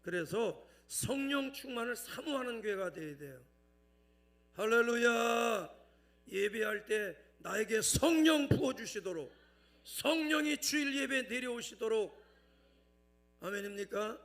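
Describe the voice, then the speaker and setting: A middle-aged man preaching a sermon in a high, gravelly voice. He works his congregation with calls for amen and hallelujah. He drops into a chatty storytelling tone to spin a humorous tale. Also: animated, measured pace, a bit bright. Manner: tells a humorous anecdote in a lowered, chatty tone. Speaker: pastor.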